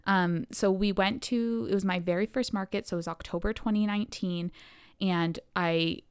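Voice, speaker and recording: Gravelly-voiced woman telling a lively story. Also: mid-range voice, moderate pace, dry recording, clean studio sound. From Canada. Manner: animated storyteller acting out quotes. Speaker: podcast co-host. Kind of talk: casual storytelling chat. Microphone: podcast microphone.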